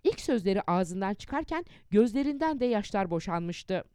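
A woman reading a historical account aloud as an audiobook narrator, in a measured storytelling manner that rises in emphasis for quoted speeches. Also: mid-range voice, very animated, warm tone, clear, resonant tone, no room sound, clean studio sound.

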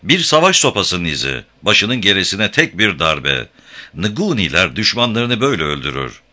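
A confident young frontiersman talks in a steady, matter-of-fact way, voiced by a male narrator. His voice sits low and sounds bright and crisp. The reading moves lively through its pitch. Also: moderate pace, heavily acted. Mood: grim.

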